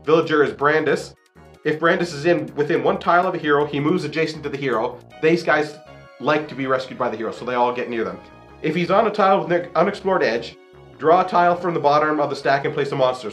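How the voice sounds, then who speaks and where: A man's voice: mid-range voice, a bit bright. A man hosting a board game review, reading out rules and explaining them in his own words.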